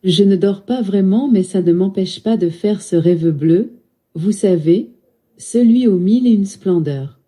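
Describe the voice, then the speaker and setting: A polite female text-to-speech assistant reads out answers and weather forecasts in even, announcer-like phrasing. Her tone is warm and dark, slightly husky, at a middling pitch. She sounds played from a loudspeaker in the room. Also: unhurried. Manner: polite, evenly paced, announcer-like. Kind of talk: synthetic assistant replies.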